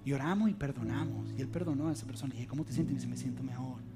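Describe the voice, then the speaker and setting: A man preaching a sermon, telling a family story in an earnest, confiding way and dropping to soft, low tones. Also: rapid-fire. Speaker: pastor. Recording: music playing behind.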